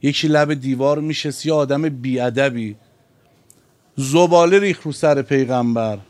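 A male cleric giving a sermon. He poses rhetorical questions and stretches out key phrases for emphasis. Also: medium pitch.

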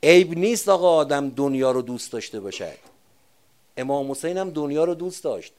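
Give me an older man preaching a sermon, switching between hushed storytelling and forceful, loud emphasis. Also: a little high, animated. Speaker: religious speaker. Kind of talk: sermon with personal war memories.

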